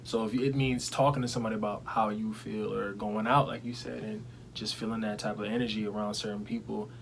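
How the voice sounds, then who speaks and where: A man's voice: on the low side, flat delivery, brisk, vocal fry, a little hiss or hum, low-quality recording. Earnest young man in casual chat. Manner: reflective, earnest, sometimes laughing loudly.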